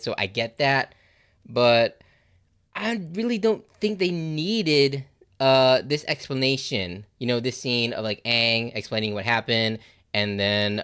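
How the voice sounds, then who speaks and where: A man giving casual, animated reaction commentary on a TV episode, swearing freely and saying "like" and "you know" a lot. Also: mid-range voice, clean tone. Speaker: reaction video host.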